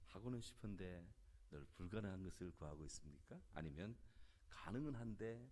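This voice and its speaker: A male pastor preaching a sermon and reading scripture, swinging from loud emphasis to near-whispers. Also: deep voice, animated, a little fast.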